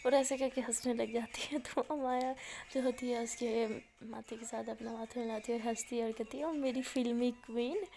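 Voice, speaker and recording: A woman's voice: on the high side, flat delivery, normal speed, gravelly, mellow. A young woman chatting through a love story as a storyteller, mixing in English words. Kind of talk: casual story narration.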